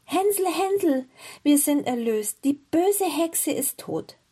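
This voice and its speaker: A woman voicing a brave, clever little girl in a fairy tale, calling out in a bright, eager way. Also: high voice, expressive, normal speed, voice pushed up.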